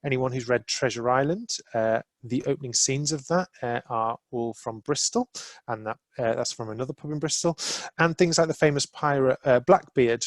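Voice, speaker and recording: Man presenting over a video call, mid-pitch, dry close sound, upbeat with many fillers. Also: moderate pace, no echo. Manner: enthusiastic, many "uh" and "um" fillers, talks over slides. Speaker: university representative. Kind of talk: promotional presentation in a webinar. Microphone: video call microphone.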